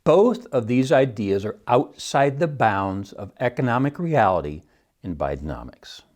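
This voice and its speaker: A man's voice: medium pitch, very animated, measured pace, a little mellow. A middle-aged man hosting a solo podcast, wry and scoffing, often laughing at his own points. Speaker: podcast host and economics teacher.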